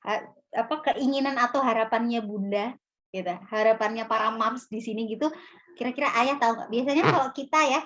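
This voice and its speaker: Young female psychologist, chatty and filler-heavy, slightly higher voice, lo-fi video call. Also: fairly quick, a bit bright. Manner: casual, many fillers and restarts; acts out mother and child lines. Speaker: psychologist guest speaker. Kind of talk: parenting webinar talk.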